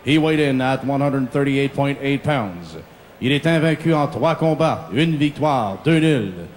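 A man giving formal, drawn-out ring introductions in the manner of an arena announcer. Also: mid-range voice, expressive, slight background noise. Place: boxing ring in an indoor arena.

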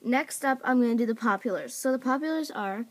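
A woman with a fairly high, expressive voice speaks fairly quickly, with a little hiss or hum on the recording. A channel host, she casually presents toy characters on a table at home for voice auditions, off-camera on a phone or camera mic, rambling with plenty of "like" and "um" and correcting herself.

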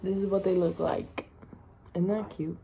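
A young woman chats to her phone at an unhurried, drawn-out pace. Her voice is mellow and relaxed, and a faint hum of room sound sits behind her. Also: lowish voice, creaky. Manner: chatty, drawn-out, upbeat sign-off. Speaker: vlogger. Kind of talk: casual vlog talk to camera. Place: small hotel room indoors.

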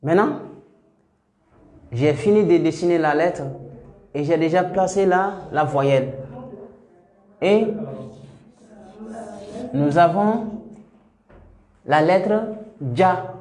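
A man teaching Arabic letters step by step, slowly repeating each sound for learners to copy. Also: a little high, darkish tone, reverberant. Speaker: Quran teacher.

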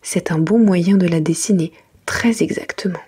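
A woman narrates a children's bedtime book in a very breathy, mostly whispered ASMR voice. Her pitch sits a little low. She reads gently and carefully, as if to young children. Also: normal speed. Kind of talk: soft whispered ASMR bedtime story reading.

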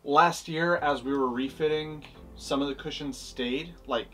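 A man's voice: on the high side, a little slow, bright, forceful tone. A young man co-hosting a casual boat tour, upbeat and teasing, often laughing. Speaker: boat-owning video host. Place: small wooden boat cabin, indoors. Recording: voice a bit distant, faint music behind.

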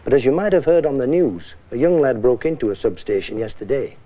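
In an old public information safety film, a man plays a stern, blunt, middle-aged British science teacher who quizzes and warns his class, emphatic and admonishing. His mid-range voice is animated, brisk, and close to everyday speech. The sound is muffled and thin.

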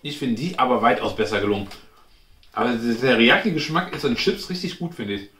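A man's voice: mid-range voice, lively intonation, fairly quick, a bit bright. A man, chatting informally as he hosts a taste-test review, thinking aloud. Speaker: food review host. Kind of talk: casual chat, snack taste-test review. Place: indoors at home, in front of a glass cabinet. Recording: roomy echo, clear background noise.

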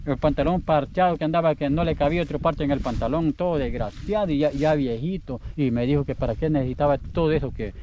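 A man's voice: a little high, fast, hardly any pauses, warm tone, highs cut off, a little hiss or hum. A Salvadoran man telling a story in casual, rambling speech, often repeating himself. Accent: Salvadoran Spanish. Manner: chatty, rambling, repeats his words. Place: outdoors in the countryside.

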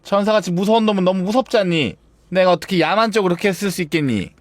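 A man's voice: high voice, quick pace, very noisy. A man streaming a game and chatting casually, playful and theatrical, swinging between squeals and mock-stern grumbling.

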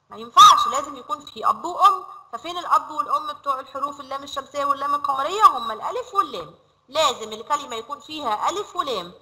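A woman with an Egyptian Arabic accent teaching a children's lesson, stretching words out slowly as she drills them. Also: high-pitched, bright, forceful tone, low-quality recording. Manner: slow, drawn-out word drills.

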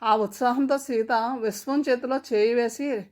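Higher-voiced woman telling a story. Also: fairly even intonation, a little slow, darkish tone. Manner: reads every character in her own voice, with small shifts. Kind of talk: story narration with character dialogue.

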